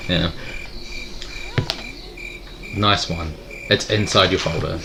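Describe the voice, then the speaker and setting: A man's voice: low-pitched, fairly even intonation, slow pace, vocal fry. A man chatting casually as a player during a tabletop game. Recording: very noisy tabletop recording.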